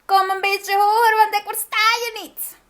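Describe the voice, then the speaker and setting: A woman voicing an old witch who lives in a tree, brusque and matter-of-fact, with a shrill, loud voice. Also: flat delivery, moderate pace. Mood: calling down.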